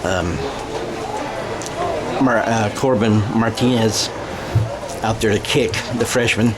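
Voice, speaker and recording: An American man calls a football game radio-style, live and conversational, thinking out loud and correcting himself along the way. His voice is fairly low and slow, set against noisy outdoor game sound.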